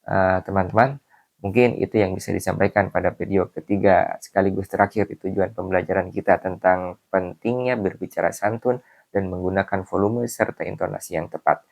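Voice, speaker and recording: A man with a low voice and a gravelly, creaky edge talks through a video lesson for young pupils. He explains each point calmly and steadily, pausing often on small fillers as he moves between points. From Indonesia. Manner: calm explaining tone with frequent fillers. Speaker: teacher.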